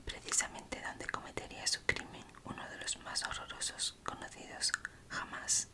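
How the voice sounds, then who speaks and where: Whispering Spanish woman reading true crime ASMR. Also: sharp tone. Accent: Spanish, from Spain. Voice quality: breathy, unvoiced whisper. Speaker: ASMR host reading aloud.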